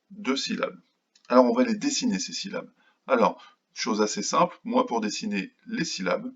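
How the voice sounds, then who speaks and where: A male kindergarten teacher with a low, gravelly, husky voice leads a phonics lesson at a very unhurried pace. He sounds out words syllable by syllable. The recording is dull and lo-fi. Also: a bit bright. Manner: slow, patient, syllable by syllable. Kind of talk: remote phonics lesson for young children.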